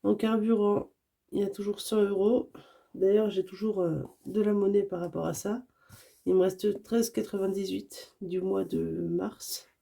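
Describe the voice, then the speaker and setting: A woman who is sick with a hoarse voice, chatting casually to camera as a budget vlogger, hesitant and often correcting herself. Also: mid-range voice, steady tone, a little slow, dark tone. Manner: hesitant, many fillers and self-corrections.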